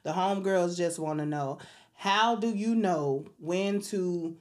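Low-voiced woman hosting a podcast. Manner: warm, churchy exclamations and slow mantra reading. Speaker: podcast host. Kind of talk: casual podcast chat.

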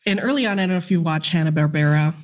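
A woman in her forties from the Philippines, a guest telling stories in an animated, chatty way. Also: sits low, very fast. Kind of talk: casual interview chat.

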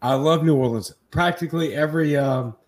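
A man's voice: on the high side, fairly quick, darkish tone. A man from Louisiana hosting a live interview stream, informal and candid, with rambling asides. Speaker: interview show host.

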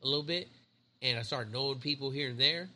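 A man's voice: medium pitch, quick pace, sharp tone. A man in his thirties, a Navy chief co-hosting a podcast, telling rambling stories in casual chat and swearing a lot. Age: 30s. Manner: profane, rambling storyteller.

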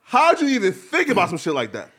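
A male interviewer with a fairly high voice. He talks in loose street slang with a hyped-up bro manner, leaning on bro, like and right as he goes. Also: huge pitch swings, quick pace, fairly bright tone, slightly rough. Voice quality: slang-heavy speech. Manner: hyped-up bro talk, repeatedly saying bro, like and right.

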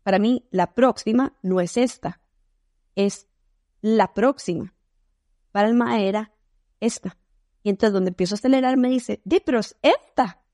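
A Costa Rican woman guesting on a podcast, her voice mellow and dark rather than bright. She tells stories with animated, expressive swings and laughs along the way. The recording is close and dry, with no room sound. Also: medium pitch, normal speed, pauses often, no echo. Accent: Costa Rican Spanish. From Costa Rica. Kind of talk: casual interview chat.

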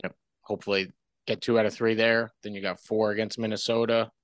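A man, a guest sportswriter, chatting casually on a podcast in a relaxed, rambling way with frequent restarts. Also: fairly low pitch, brisk, no echo.

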